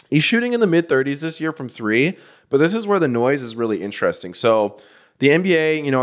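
A man co-hosts a sports talk show from a studio. He talks in a casual, animated way, often restarting his sentences and then rattling off player stats. His voice sits at an average pitch. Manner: animated, repeats himself, stacks stats. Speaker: podcast co-host.

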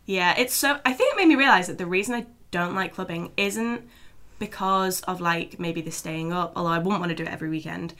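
A British woman in her twenties with a hoarse, froggy, lost voice, chatting casually and self-deprecatingly as a podcast co-host. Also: fairly low pitch, fairly quick, a bit bright. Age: 20s. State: hoarse, froggy, worn-out voice from losing it.

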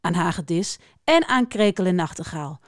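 A woman's voice: fairly low pitch, expressive, moderate pace, no echo, clean studio sound, natural voice. Lady putting on a wise old owl from a kids' story, solemn but friendly. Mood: kindly. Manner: solemn and kindly.

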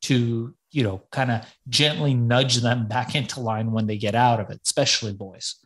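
A man's voice: mid-range voice, fairly even intonation, normal speed. A man from Iran, a guest on an interview, talking in a reflective, casual way and swearing now and then. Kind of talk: podcast interview.

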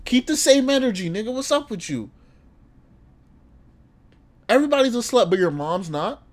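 A man's voice: extremely high pitch, very animated, moderate pace. Guy reacting to clips, cussing and laughing, voice jumps all over. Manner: profane, laughing, mocking. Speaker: podcast host reacting to clips. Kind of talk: casual reaction chat.

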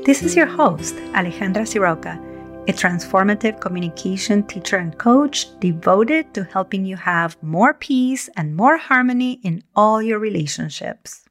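Calm woman hosting a podcast. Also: mid-range voice, soft background music. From Argentina. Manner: calm, measured, gentle delivery. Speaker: podcast host and communication coach. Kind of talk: scripted podcast monologue.

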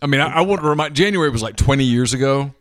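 Talking very fast with a medium-pitched, fairly bright voice and lively intonation, this man co-hosts casual sports radio from a studio. He banters wryly and reads listeners' questions aloud into a studio mic, and there's no room sound.

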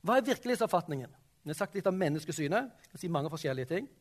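A man with a fairly high voice leads a classroom discussion. He tosses questions to the class and keeps checking that they follow. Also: very animated. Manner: questioning, prompting the class with frequent "sant?" and "ok?". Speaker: teacher.

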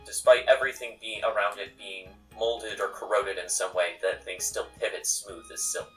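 A man's voice: lowish voice, steady tone, moderate pace, distant mic, faint music behind, poor audio. A man narrating a tabletop game casually as game master and host.

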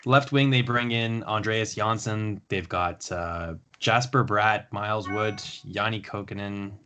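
A man with a fairly low voice hosts a casual podcast conversation. He talks in long, relaxed runs, with plenty of fillers and restarts. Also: unhurried, a little hiss or hum. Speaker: podcast host. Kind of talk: casual hockey chat.

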